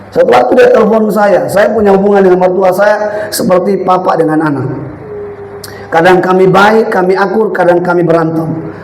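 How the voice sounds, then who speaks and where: A middle-aged male pastor preaching animatedly, shouting out his points and then dropping into storytelling. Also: high-pitched, a little hiss or hum. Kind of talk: sermon. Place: church sanctuary. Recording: echoey church hall with faint ambience.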